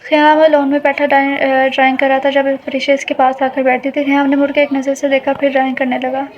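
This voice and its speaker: ऊँची आवाज़ वाली उपन्यास वाचिका. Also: female voice, high voice, monotone, quick pace. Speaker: audiobook narrator. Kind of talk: scripted novel narration. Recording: dull lo-fi audio.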